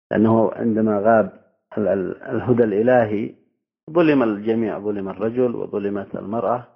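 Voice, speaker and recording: Man, religious lecture, measured formal delivery, gravelly low voice, tinny phone-like sound.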